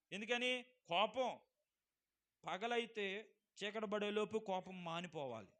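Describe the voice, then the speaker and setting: A man who is a pastor preaching a sermon at a church service, swinging between loud emphatic lines and quiet asides. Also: high voice.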